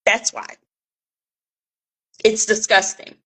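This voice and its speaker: A woman talks straight into the camera with passionate emphasis. She hammers her points home through repetition and addresses viewers directly. Her pitch sits at an ordinary middle level. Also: flat delivery, takes it slowly, fairly bright tone, rough recording. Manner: impassioned and emphatic, repeating phrases for effect; talks straight to viewers, calling them "y'all". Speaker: vlogger.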